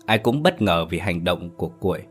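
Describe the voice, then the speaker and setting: Low-voiced male horror storyteller. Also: expressive, normal speed, husky, soft background music.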